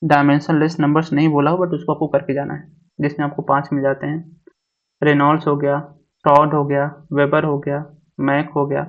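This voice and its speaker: A man teaches an exam syllabus, listing topic after topic and going over each one twice. His voice sits a little high and stays almost monotone. The recording sounds dull and lo-fi. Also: normal speed. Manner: repeats each point, mixing English syllabus terms into Hindi. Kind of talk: syllabus walkthrough lecture.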